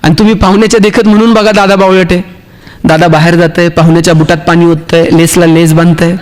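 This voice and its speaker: A man with a Marathi accent delivers a motivational speech, and his voice sits noticeably high for a man. He tells humorous stories and acts out the dialogue of each character for his listeners. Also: level tone, fast talker. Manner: storytelling, acts out dialogue, jokes with the audience. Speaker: motivational speaker.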